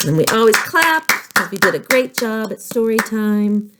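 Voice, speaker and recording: Slow, sing-song woman librarian. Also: on the high side, very animated, heavy background noise. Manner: sing-song, coaxing, exaggerated for small children. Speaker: children's librarian. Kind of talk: preschool storytime with songs.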